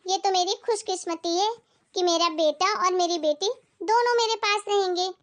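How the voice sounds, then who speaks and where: A woman voicing a patient, doting older mother-in-law in an animated family skit, speaking in a soothing way. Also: very high voice, moderate pace. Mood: kindly. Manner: soothing, calming her angry daughter.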